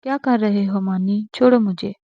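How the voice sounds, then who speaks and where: A woman's voice: medium pitch, steady tone, no room sound, muffled recording, close to an everyday voice. A woman reading the part of a feverish young wife who answers back in a defiant, sulky way.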